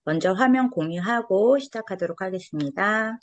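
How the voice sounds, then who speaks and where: A woman's voice: mid-range voice, expressive, normal speed, no room sound. A woman in her forties giving an earnest testimonial talk as a lecturer, recorded close and dry. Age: 40s. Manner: earnest, storytelling.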